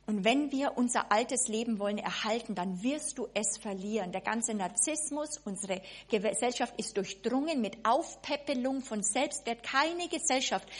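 Husky-voiced woman preaching. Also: a little high. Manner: lively, with many restarts and acted-out asides. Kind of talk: sermon.

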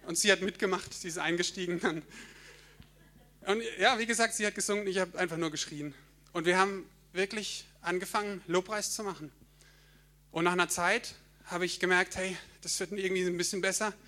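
A young man tells his testimony to a church audience. His voice sits high and sounds bright and forward. He tells the story vividly, laughs at himself and sometimes sings short bits of hymns. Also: steady tone, brisk. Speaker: church speaker sharing a testimony. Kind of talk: personal testimony in a church talk.

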